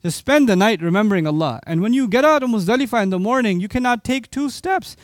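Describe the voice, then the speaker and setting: High-voiced, impassioned male preacher. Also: animated, fast, no echo, studio quality. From Pakistan. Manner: impassioned, asks the audience rhetorical questions. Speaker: Islamic preacher. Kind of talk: sermon lecture to an audience.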